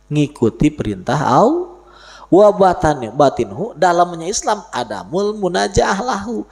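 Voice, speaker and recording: A man's voice: on the high side, gravelly, a little mellow. A man giving a sermon, explaining Arabic text in plain speech and joking along the way. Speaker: religious teacher. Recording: live audio stream.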